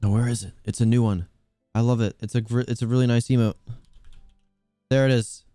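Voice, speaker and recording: A man's voice: medium pitch, fairly even intonation, brisk, warm tone, smooth, no echo, studio quality, faint music behind. A man streaming a video game, chatting casually with viewers in a teasing, joking way and laughing often. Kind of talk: casual gaming stream chat.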